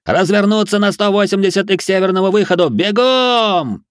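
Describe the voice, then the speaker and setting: A man's voice: a little high, fairly even intonation, moderate pace, vocal fry, no room sound, clean studio sound, pitched above the performer's own voice. A man voicing an exhausted young militiaman who argues and barks orders in an audiobook. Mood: commanding. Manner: shouting, curt, commanding.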